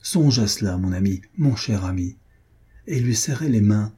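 A man's voice: lowish voice, lively intonation, normal speed, mellow, breathy edge. A man reading an anguished, jealous husband who pleads with his friend in emotional outbursts, in an audiobook.

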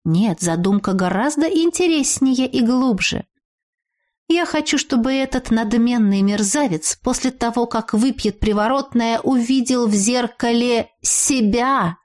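A woman narrating an audiobook in the first person, reading expressively and drawing out words for dramatic pauses. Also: fairly high pitch, darkish tone.

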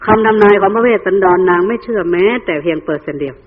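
A man's voice: sits high, rapid-fire. A man, a Buddhist monk telling a story in a sermon and acting out the figures. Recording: tinny phone-like recording.

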